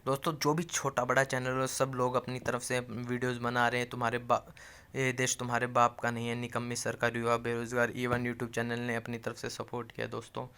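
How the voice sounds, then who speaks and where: A man speaks straight to his viewers in a casual rallying appeal. His voice is smooth and clear, and his pitch barely moves, so even his urgent pleas sound level. He presses the same points again and again and often breaks off mid-phrase to start over. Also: fairly quick. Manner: rallying and insistent, keeps calling viewers friends; restarts and trails off mid-phrase. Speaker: YouTube channel host addressing job aspirants.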